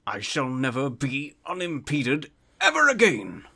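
A man's voice: medium pitch, huge pitch swings, measured pace, pushed and bright, husky, heavily acted. A man voicing a stubborn, formal knight in full armor who speaks in a solemn, archaic way. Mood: haughty. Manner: archaic, pompous, solemn speech. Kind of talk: tabletop roleplay in character.

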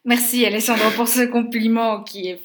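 A woman's voice: fairly high pitch, level tone, normal speed. Self-mocking woman co-hosting a podcast. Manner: self-mocking, laughs often. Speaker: podcast co-host. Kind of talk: casual chat.

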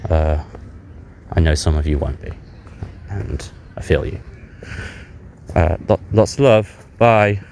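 Strolling through a public park, a man who hosts a podcast records a casual, confessional audio diary on a handheld voice recorder amid outdoor ambience. He comes across as low-spirited and self-mocking, hesitant and candid, with many long pauses.

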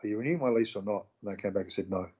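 On dull audio, a New Zealand-accented interview guest tells his story very fast in casual conversation. His voice is on the low side and slightly rough, and he's animated, acting out the voices of those he quotes.

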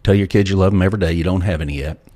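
Speaking very fast in a dark, low-pitched voice, a middle-aged man shares down-home stories and life advice. He's appearing as an entrepreneur guest in a casual storytelling interview.

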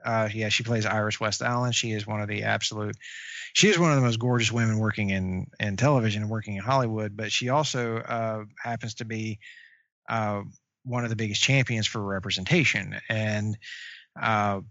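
A man co-hosting a casual chat about comic book shows, halting and full of fillers and restarts. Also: lowish voice, steady tone, a bit bright, no room sound. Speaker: podcast co-host. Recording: dry, dull lo-fi sound.

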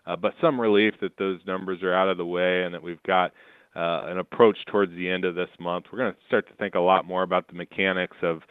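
A man comes through a telephone line, his voice low and smooth despite the thin, narrow band of the call. He speaks in a measured, steady way, pausing on fillers as he walks through the markets. The sound is dry, with no room around it. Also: no echo. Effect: heard over the phone. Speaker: market analyst guest. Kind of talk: market commentary.

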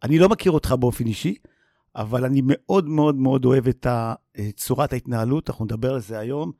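Mellow-voiced man, eager podcast co-host. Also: mid-range voice, vocal fry, dry recording, clean studio sound. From Israel. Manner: enthusiastic, repeats words for emphasis. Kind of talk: casual chat.

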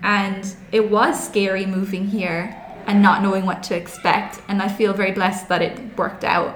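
A woman's voice: medium pitch, little pitch movement, normal speed, roomy sound, slight background noise. A woman in her thirties with a west of Ireland Kerry accent, talking thoughtfully and candidly as an interview guest. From County Kerry, Ireland. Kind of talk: reflective conversational interview.

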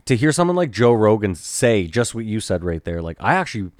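A man's voice: lowish voice, big pitch swings, a little fast, darkish tone, dry recording, clean studio sound. A man co-hosting a podcast, talking bluntly and loosely in casual chat, with some swearing. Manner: blunt, profane, loose rambling talk. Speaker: podcast co-host.

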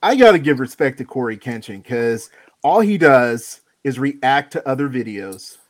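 A man co-hosting a casual podcast chat, animated and exclamatory, calling people "dude.". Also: medium pitch, normal speed, dry recording. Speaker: podcast co-host.

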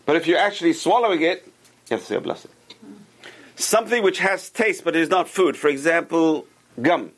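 This Torah teacher runs an informal lecture with group discussion around a table, working slowly through the rules and repeating key points so they stick. His voice is a little higher than most men's, animated and slightly bright, and he often checks in by questioning the students.

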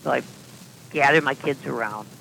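A man, a podcast guest, telling long anecdotes in a deadpan style with dry asides and frequent restarts. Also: mid-range voice, normal speed, creaky, slight background noise, rough recording. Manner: deadpan, self-correcting storyteller with dry asides. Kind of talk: casual anecdotal storytelling.

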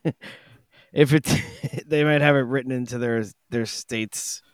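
Slow-talking man riffing with laughs. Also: mid-range voice, steady tone, clear, resonant tone, dry recording, studio quality. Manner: laughs often, jokey riffing. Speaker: podcast co-host. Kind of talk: casual comedic chat.

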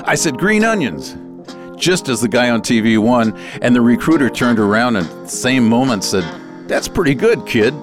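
A man's voice: lowish voice, no echo. An older American man telling his life story as a memoir, wry and conversational, with playful asides.

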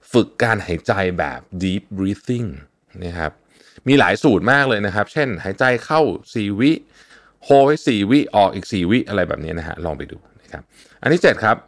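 Young guy hosting a podcast, really low voice, laid back and chatty, lots of ums. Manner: relaxed, chatty, many fillers and polite particles. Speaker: podcast host. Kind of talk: casual podcast talk.

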